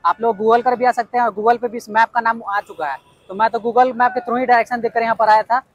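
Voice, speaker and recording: The recording is dry and lo-fi as a man from Bihar, India, vlogs outdoors at a building site, walking around the location. His very high voice holds a steady tone at a slightly fast pace, and he eagerly, excitedly repeats key points with "yes indeed."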